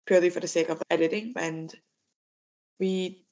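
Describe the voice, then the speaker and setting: A young woman from Malaysia chats easily on a podcast, telling her story in a loose, rambling way. Her voice sits a little low for a woman. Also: fairly even intonation, normal speed, darkish tone. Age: young adult. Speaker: podcast co-founder and lead editor. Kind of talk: casual chat.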